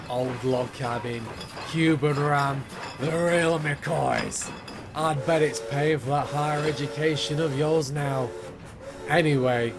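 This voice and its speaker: A man's voice: fairly high pitch, noisy background. A man voicing a wry, grandiloquent undertaker in a cartoon fan dub, with a wordy, theatrical, sardonic delivery. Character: wry, grandiloquent male undertaker and bootlegging accomplice. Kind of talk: animated fan dub acting.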